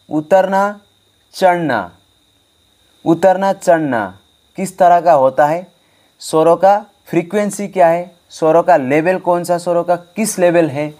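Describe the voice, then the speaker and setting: A slightly high, somewhat mellow male voice teaches harmonium online, speaking directly to his students. He repeats key points for emphasis, and a harmonium plays faintly in the background.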